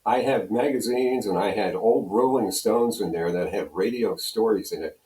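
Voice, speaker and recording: This American man in his seventies, from Pennsylvania and known as a radio program director and on-air personality, tells loose, rambling stories as an interview guest, repeating phrases often. His fairly low voice moves at a normal pace over a noisy crowd, in an echoing room.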